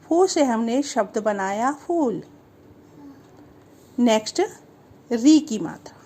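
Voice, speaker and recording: A woman's voice: a little high, lively intonation, slow, mellow. A woman teaching a Hindi lesson, explaining step by step, repeating each term and asking the viewer questions. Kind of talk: slow, patient language lesson.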